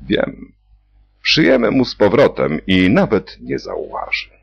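A man's voice: on the low side, huge pitch swings, unhurried, vocal fry, a little hiss or hum, voice pushed up, exaggerated voice. A man voicing a giddy, childish young woman doctor. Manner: giggly, childish. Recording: dull lo-fi recording.

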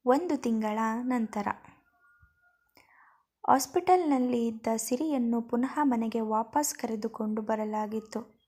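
Woman narrating a serial story, mellow. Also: on the high side.

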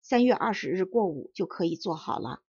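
A woman's voice: on the low side, a little fast, breathy edge, no room sound. A woman reading as a polite old tailor who speaks respectfully to his small customers. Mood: courteous. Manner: courteous, flattering. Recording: dull dry audiobook recording.

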